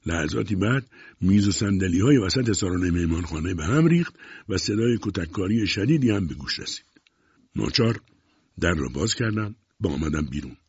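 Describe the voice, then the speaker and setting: A man with a husky, somewhat low voice tells a story in a scripted, expressive way, his pitch rising and falling freely. The recording is dry and dull. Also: dry recording. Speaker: audiobook narrator.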